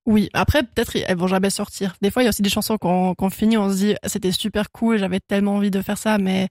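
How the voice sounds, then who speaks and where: A young Swiss singer-songwriter, a native German speaker, chats casually as a guest in a radio studio, laughing often and filling her speech with fillers and restarts. Her mid-range voice has a darkish tone and fairly even intonation, and she talks fast. The recording is studio quality with no room sound.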